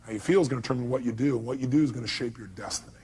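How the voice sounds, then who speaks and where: A man giving a motivational seminar talk, animated and acting out the voices he quotes, sometimes shouting. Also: mid-range voice, racing, slight background noise. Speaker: motivational speaker.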